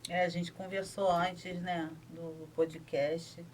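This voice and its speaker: A woman's voice: lowish voice, little pitch movement, slow pace, far from the mic, a little hiss or hum. A woman guest on a podcast, telling her story in a chatty, storytelling way with many asides. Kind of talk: casual podcast chat.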